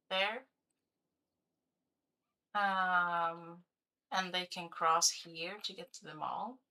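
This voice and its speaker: A woman's voice: medium pitch, pushed and bright. A young woman live-streaming a city-building game, chatting to her viewers as she builds, with a voice that keeps cracking. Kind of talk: casual live-stream chat while playing.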